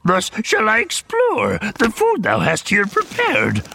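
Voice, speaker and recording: A man voicing an impish, mischievous little old swamp creature with a raspy croak, hammy stage delivery and inverted archaic phrasing. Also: high-pitched, wildly swooping pitch, takes it slowly, bright, forceful tone, slight background noise, heavily acted. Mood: sly, musing.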